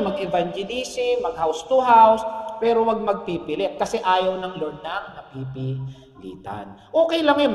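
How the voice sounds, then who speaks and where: Man, pastor, middle-aged, sermon, keeps asking the congregation for an amen, roomy church sound. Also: sits high. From Philippines. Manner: animated preaching, often asks the congregation "Amen?". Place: church worship hall. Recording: echoey church hall with long reverb.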